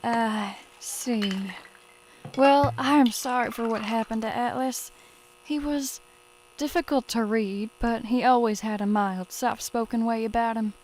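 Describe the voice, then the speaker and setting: Weary, kindly female ex-nurse played by a woman: unhurried, slightly high voice, long-suffering animated fan-dub delivery. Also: slight background noise, close to an everyday voice, poor audio. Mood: measured, subdued. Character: gentle, weary woman, former wartime nurse.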